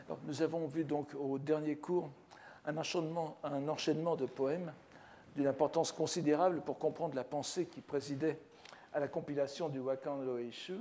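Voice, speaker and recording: An older male professor delivers a lecture in a lecture hall. His voice sits a bit high for a man yet sounds mellow and dark. He speaks in a measured, scholarly way, often restarting phrases mid-thought. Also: steady tone, a little hiss or hum. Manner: measured, scholarly, with frequent restarts and "n'est-ce pas". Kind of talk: academic lecture.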